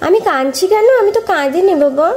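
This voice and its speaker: A woman from West Bengal, hoarse with a cold, chatting to her vlog audience and gently coaxing her small daughter at home. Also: extremely high pitch, lively intonation, fast talker, faint music behind. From West Bengal, India. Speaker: vlogger mother. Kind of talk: casual home vlog talk to camera and child.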